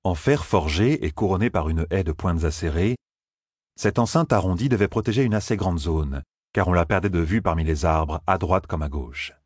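Low, husky man narrating. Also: dry recording, clean studio sound. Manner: calm, measured storytelling. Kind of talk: audiobook narration.

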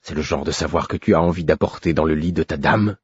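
Guy reading as gruff stern stablemaster, low husky menace, blows up loud when mad, dry flat recording. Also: fast talker, no room sound, highs cut off, exaggerated voice. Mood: brooding, menacing. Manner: low brooding menace, rising to roaring anger. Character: gruff grown man, stern stablemaster, drinking, bitter.

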